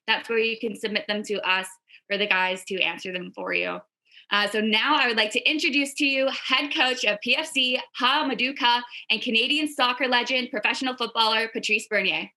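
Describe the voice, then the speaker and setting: A woman from the club staff gives an upbeat, scripted introduction. Her voice is fairly high and bright, with a forceful, announcer-like delivery. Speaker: team staff presenter.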